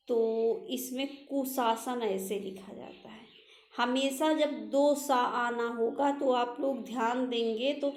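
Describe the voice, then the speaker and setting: Hindi teacher quizzing spelling in an echoey room. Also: female voice, fairly high pitch. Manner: explains each answer, repeating words and quizzing with rhetorical questions. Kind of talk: exam-prep spelling lesson.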